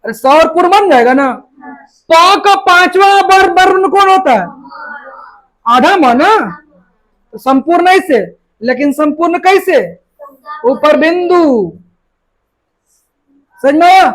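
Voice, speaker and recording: A woman's voice: very high voice, slow pace, long pauses, poor audio. A woman teacher giving a classroom grammar lesson, repeating each word and quizzing her students.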